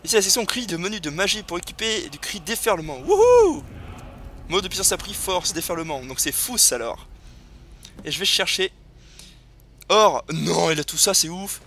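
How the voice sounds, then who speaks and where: A man hosting a casual let's play, excitable and chatty as he thinks aloud. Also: high voice, brisk, a little hiss or hum. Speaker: gaming video host. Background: video game sounds.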